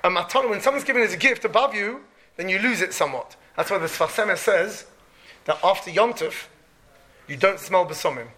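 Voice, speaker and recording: Guy w a tinged teaching like a rabbi, high bright voice, really emphatic. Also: expressive, fairly quick. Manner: emphatic, repeats key phrases, peppers speech with Hebrew and Yiddish terms. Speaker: rabbi giving a Torah lecture. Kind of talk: religious sermon, teaching with rhetorical questions.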